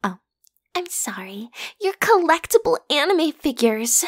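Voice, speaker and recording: A woman with a fairly high voice performs a one-sided ASMR roleplay as a well-liked teen schoolgirl. She is very animated yet unhurried, using casual young slang to playfully and pushily tease her single listener.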